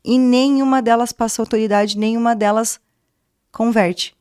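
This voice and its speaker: A woman's voice: fairly high pitch, steady tone, moderate pace, darkish tone, smooth, dry recording. Dry-sounding female speech therapist. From Brazil. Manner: didactic, asks and answers her own questions. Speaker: speech therapist, podcast guest. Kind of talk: conversational interview.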